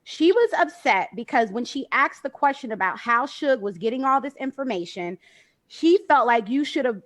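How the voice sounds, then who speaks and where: A woman with a slightly high voice mediates on a group call. She explains things calmly and in a measured way.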